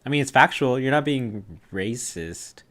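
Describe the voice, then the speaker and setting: Young man, halting casual chat. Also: mid-range voice, expressive, fairly bright tone. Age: young adult. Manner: halting, full of "like", laughs often. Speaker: podcast co-host.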